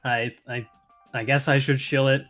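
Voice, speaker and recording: A man in a casual voice call, easygoing and teasing, trailing off softly at the ends of thoughts. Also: mid-range voice, little pitch movement, moderate pace, soft background music.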